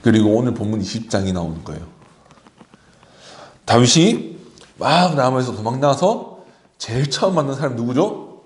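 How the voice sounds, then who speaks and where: A man leads a children's service, retelling a story with plenty of animation. His pitch sits in the middle but rises and falls with a wide, lively range. He often speaks directly to the young listeners. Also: moderate pace, pauses often. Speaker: children's pastor.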